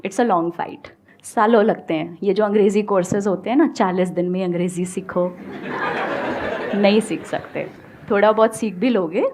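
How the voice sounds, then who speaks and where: A young woman on a seminar stage giving frank, animated advice about speaking English, switching between Hindi and English. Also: medium pitch. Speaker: guest speaker, English coach.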